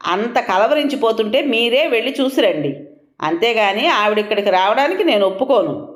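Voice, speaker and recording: A woman voicing a sharp-tongued, quarrelsome middle-aged wife who scolds and mocks with sarcasm, in a storybook reading. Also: fairly high pitch, animated, normal speed, echoey room, pitched above the performer's own voice, natural voice. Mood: scolding.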